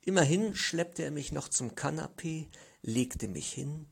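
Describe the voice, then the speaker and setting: A man reading a literary story aloud in the first person, measured and expressive. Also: on the high side, gravelly, husky. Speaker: audiobook narrator.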